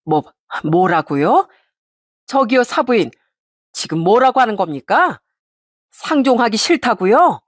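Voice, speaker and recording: A woman voicing a snobbish, furious middle-aged mother of the bride who scolds and shouts with contempt. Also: fairly high pitch, very animated, a little slow, long pauses, no echo, studio quality. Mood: indignant.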